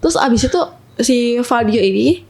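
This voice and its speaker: A woman's voice: fairly high pitch, animated, normal speed, a little mellow, breathy edge. A young woman casually telling a personal story to an interviewer, chatty and full of little tag words. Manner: chatty, often adds tag words and addresses the listener as sister.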